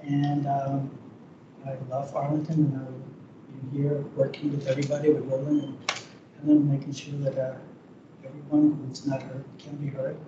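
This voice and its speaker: A man's voice: medium pitch, monotone, moderate pace. A commissioner from Costa Rica introducing himself at a public meeting, earnest in his advocacy. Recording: echoey room, distant mic, dull, noisy.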